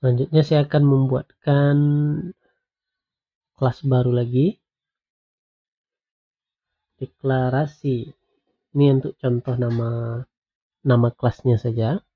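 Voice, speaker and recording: Guy walking students thru coding basics, slow and patient, husky voice, tinny phone-ish audio. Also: medium pitch, flat delivery. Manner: slow, patient explaining with frequent "nah" and "ya". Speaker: programming lecturer. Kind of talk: screen-recorded coding lecture.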